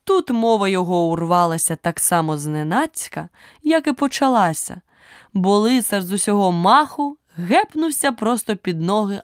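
A woman narrating an audiobook with a lively, expressive storytelling manner. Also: mid-range voice, no room sound, studio quality. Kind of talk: scripted narration.

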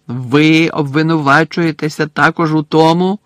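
A man voicing a stern older male judge who speaks loudly and formally. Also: on the high side, measured pace, dry recording. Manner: loud, shouting, clipped formal speech.

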